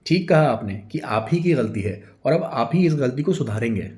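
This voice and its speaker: A man voicing an angry middle-aged housewife who scolds her husband in loud, shrill complaints. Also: lively intonation, normal speed, natural voice. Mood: indignant.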